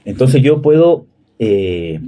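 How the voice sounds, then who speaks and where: A man in his thirties preaching a sermon in a conversational way, often checking with listeners and pausing on fillers. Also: mid-range voice, sing-song, dark tone. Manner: conversational, frequent "¿cierto?" and "¿me entiende?" checks; hesitant fillers, "¿cómo se llama?". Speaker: pastor.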